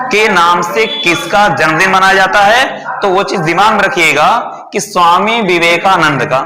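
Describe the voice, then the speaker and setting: High, bright-voiced male teacher. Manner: repetitive, checks with "ठीक है" constantly; asks and answers own questions. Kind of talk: exam-prep lesson with memory story. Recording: roomy hall reverb.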